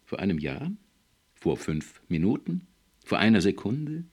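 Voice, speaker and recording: A stern male official with a cool, probing way of speaking, read by a man. The voice sits very low and gravelly, and it moves widely in pitch as he lectures. It comes across as a calm, controlled audiobook character. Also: a little slow, heavily acted. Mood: lecturing.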